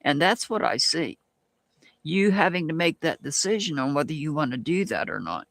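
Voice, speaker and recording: A tarot reader with a Southern US accent gives readings on a live stream, answering chat slowly and musingly and often restarting her sentences. Her medium-pitched voice is very animated, gravelly and a bit bright, with no echo.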